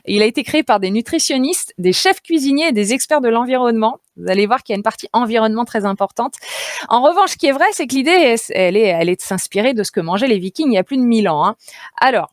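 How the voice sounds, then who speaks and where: A woman's voice: a little high, lively intonation, fast talker, no room sound, clean studio sound. A woman dietitian speaking on a radio show, chatty and playful, with many fillers and easy laughter. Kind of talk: radio nutrition segment, lively explaining. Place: radio studio. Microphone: studio radio mic.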